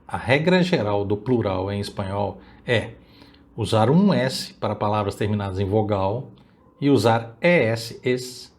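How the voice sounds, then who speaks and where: Brief: male language teacher, native Portuguese speaker, patient recorded lesson, stretches out example words slowly. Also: lowish voice, expressive, darkish tone. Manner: slow, drawn-out model pronunciations of Spanish words. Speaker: Spanish teacher.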